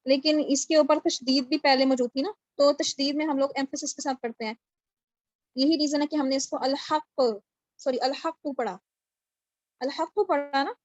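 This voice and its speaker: A woman with a high-pitched, steady voice gives an online tajweed lesson from home over a video call, teaching Quran recitation patiently and making sure her students keep up. The recording is dry and dull, picked up by a video call mic.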